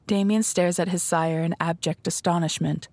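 A woman narrating an audio drama in a measured, descriptive storytelling manner. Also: lowish voice, steady tone, darkish tone, dry recording. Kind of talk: scripted narration.

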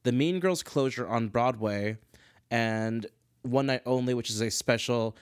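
A man's voice: mid-range voice, unhurried, clear, resonant tone, dry recording, studio quality. A man hosting a casual solo commentary show, chatty and self-deprecating, wandering off on tangents. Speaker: podcast host.

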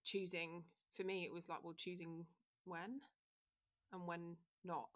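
A young woman chats on a podcast, her voice sitting a little low. She tells stories in a lively, rambling way with plenty of fillers. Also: measured pace. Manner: chatty, animated storytelling with fillers. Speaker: podcast co-host. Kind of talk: casual chat.

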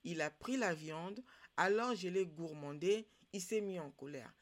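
A woman voicing a tiny magic fetish spirit in a folktale, speaking in a sharp, accusing way. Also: on the low side, a little slow, natural voice. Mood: reporting.

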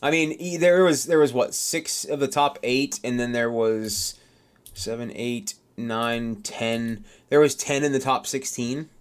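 Podcast guy rambling about stuff, lots of restarts, yawny, mid-pitch. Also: a little slow, clear, resonant tone. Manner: rambling, many restarts and fillers, yawning. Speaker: podcast co-host. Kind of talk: casual chat.

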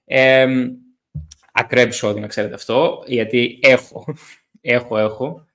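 A young man hosting a casual podcast, talking in an animated way, swearing and acting out stories about drinking. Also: medium pitch. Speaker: podcast host.

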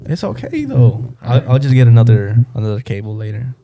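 A man's voice: mid-range voice, sing-song, fairly quick, dull audio, a little hiss or hum. A young man hosting a casual group chat, talking like a frat bro with slang and swearing. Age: young adult.

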